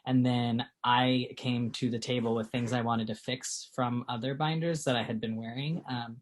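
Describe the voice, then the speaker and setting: An interview features a late-twenties Texan who co-owns a small clothing company, chatting freely with plenty of fillers and easy laughter. His voice is medium-pitched and fairly even, at a moderate pace.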